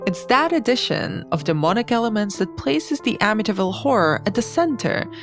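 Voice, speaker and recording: A woman's voice: mid-range voice, big pitch swings, a little fast, over music. A woman hosting a podcast, reading scripted narration. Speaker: podcast host.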